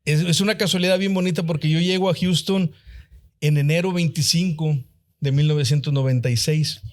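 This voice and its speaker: A man's voice: a little high, steady tone, a little fast, a little mellow. A man from northern Mexico with a northern Mexican accent, a podcast guest who tells his story humbly and often adds "¿verdad?". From Linares, Mexico. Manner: humble, filler-heavy, frequent "¿verdad?". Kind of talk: casual interview storytelling.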